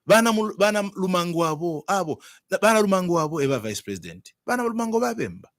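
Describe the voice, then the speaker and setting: A man's voice: high-pitched, big pitch swings, quick pace, fairly bright tone, no echo, clean studio sound. A man with a Zambian accent speaking as a politician in an interview, arguing emphatically and repeating words and phrases.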